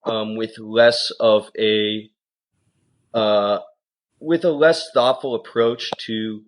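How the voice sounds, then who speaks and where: Speaking slowly in a low, steady voice, a US coxswain and coach on a rowing interview gives thoughtful, casual answers sprinkled with "um" and "you know."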